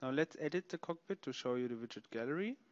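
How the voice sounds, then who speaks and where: A man narrating a software product demonstration, explaining features step by step as he clicks through them. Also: mid-range voice, lively intonation, fast talker, no room sound, highs cut off. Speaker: software demo presenter.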